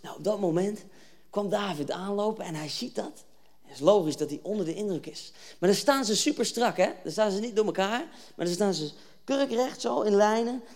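A youth preacher giving a lively storytelling sermon, reading Bible verses and then retelling them in casual slang while acting out the scenes. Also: medium pitch, moderate pace.

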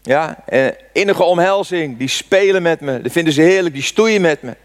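A man's voice: a little high, expressive, moderate pace. A man in his sixties preaching a sermon, telling a personal story with fervent rhetorical questions. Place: church. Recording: long church reverb.

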